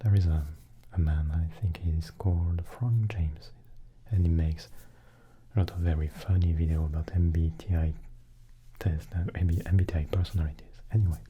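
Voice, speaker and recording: A man runs an ASMR channel, talking to viewers in a slow, halting, mostly unvoiced soft whisper that shifts closer to and farther from the close mic. His deep voice keeps fairly even intonation. The audio is dull, with slight background noise.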